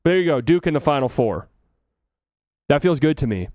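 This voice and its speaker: Rambling and joking as he thinks aloud, a lightly accented Texan man runs a casual one-man sports talk podcast. His voice is a little high and darkish in tone, and he speaks briskly and expressively. The recording is clean studio audio without room sound.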